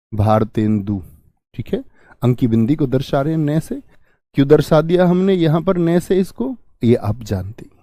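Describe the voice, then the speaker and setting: A man's voice: mid-range voice, mellow, no room sound, clean studio sound. A young man teaching a grammar lesson online, explaining step by step and asking and answering his own questions. He calls his viewers friend and brother. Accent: Hindi.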